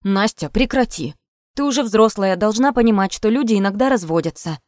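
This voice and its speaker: A woman reader voicing a brisk middle-aged businesswoman mother who scolds and brushes off her daughter. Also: medium pitch, animated, a little mellow, no echo, studio quality, lightly acted. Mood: scolding.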